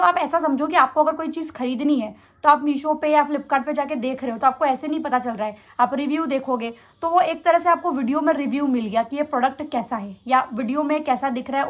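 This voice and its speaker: A young woman vlogger answering viewer questions in a fast, chatty way. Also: sits high. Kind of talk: casual Q&A chat.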